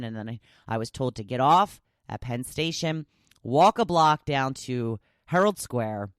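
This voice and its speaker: Excitable woman podcast host, dry sound. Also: a bass voice, no room sound. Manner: excitable, gushing, acts out quoted people. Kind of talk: casual solo podcast chat.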